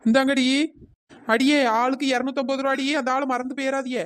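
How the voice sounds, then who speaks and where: A woman's voice: high-pitched, level tone, fairly quick, natural voice. A woman voicing a fed-up young snack stall keeper in a cartoon, scolding and complaining. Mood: chiding. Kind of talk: cartoon voice acting.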